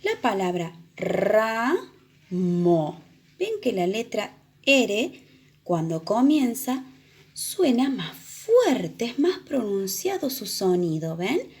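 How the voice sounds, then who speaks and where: A woman teaching children the sounds of a letter, explaining patiently and repeating example words slowly. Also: a little high, sing-song, a little mellow. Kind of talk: children's reading lesson.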